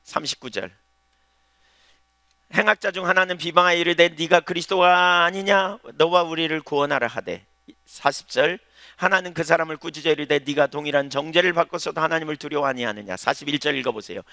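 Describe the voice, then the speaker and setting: Gravelly, bright-voiced man preaching a sermon. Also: fairly high pitch, a little fast, dry recording. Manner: swings from loud emphatic preaching to hushed pleading prayer. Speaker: pastor.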